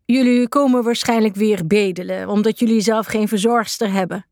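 A woman's voice: medium pitch, fairly even intonation, moderate pace, a little mellow, dry recording, studio quality, natural voice. A woman doing a snooty pedigree tomcat. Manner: haughty, irritable. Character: snobbish, touchy male pedigree cat.

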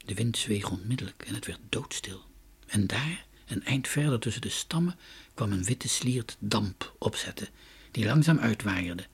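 A man reads a children's story aloud in a very breathy, husky voice. His delivery is expressive and lively, dipping to soft whispers for tense moments. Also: lowish voice, normal speed.

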